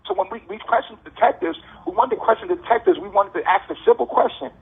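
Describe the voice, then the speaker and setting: A man's voice: high voice, big pitch swings, quick pace, creaky, husky. Man ranting over a tinny prison phone. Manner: insistent, preachy, repeats himself. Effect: prison phone call. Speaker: inmate calling from jail. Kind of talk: heated ranting monologue.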